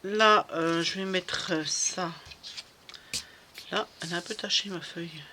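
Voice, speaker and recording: A woman talks her way through a crafting project in a loose, rambling vlog chat, stumbling over restarts and fillers. Her voice is bright and a little sharp, with a faint hiss in the background. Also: lowish voice, takes it slowly. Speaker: crafting vlogger. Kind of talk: casual chat while crafting.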